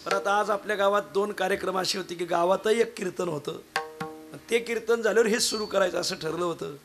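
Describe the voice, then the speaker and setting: A man giving a devotional kirtan sermon at a village gathering. He is hoarse after preaching three times the day before, and he talks in a folksy, joking way, turning to the audience as he goes. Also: high-pitched, steady tone, brisk, over music. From Maharashtra. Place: village gathering with harmonium and mridang accompaniment.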